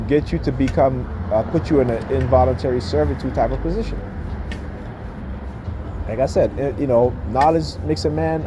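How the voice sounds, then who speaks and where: Man on an emphatic rant, noisy background. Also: a little high. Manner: emphatic, repeatedly punctuates points with check-in questions like "right?" and "okay?". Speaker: speaker giving commentary. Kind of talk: informal opinionated rant.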